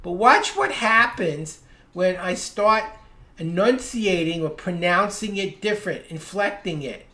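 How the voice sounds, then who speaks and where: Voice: medium pitch, unhurried, sharp tone. Patient reading instructor in a roomy echo. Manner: explains patiently and stresses single words to show inflection. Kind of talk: live webinar lesson.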